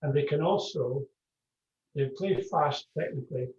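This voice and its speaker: A Scottish man answers an interviewer's questions, relaxed and explanatory, often repeating words as he thinks. He sounds set back from the mic on a dull, lo-fi line. Echo from the room hangs on his voice. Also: fairly high pitch, measured pace. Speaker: piper. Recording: distant, dull, echoey call audio.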